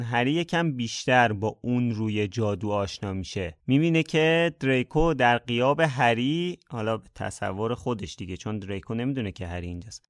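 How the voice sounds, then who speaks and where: A man's voice: mid-range voice, clear, resonant tone, dry recording, clean studio sound. A man co-hosting a book podcast, thoughtfully analyzing the story in casual chat. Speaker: podcast co-host.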